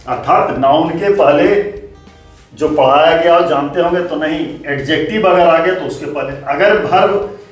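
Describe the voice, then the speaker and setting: A man teaching grammar as a lesson, explaining slowly and deliberately. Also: fairly high pitch. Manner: slow, deliberate explaining with drawn-out words. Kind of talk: classroom lesson. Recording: very echoey room, voice from far off, faint music.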